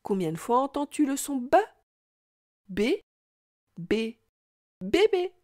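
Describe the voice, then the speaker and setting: A woman's voice: high-pitched, very animated, dark tone. A woman giving a scripted reading lesson for young children, patient and sounding out each syllable with exaggerated care. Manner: slow, patient, sing-song, exaggerated pronunciation. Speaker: teacher.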